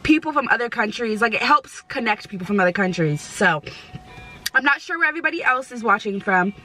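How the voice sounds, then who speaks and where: A woman's voice: a little high, animated, fairly quick, pushed and bright, soft background music, poor audio. A young woman chatting casually as a vlogger in slangy, sweary, emphatic stoner talk, often repeating herself. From United States. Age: young adult. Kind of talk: casual chat to camera.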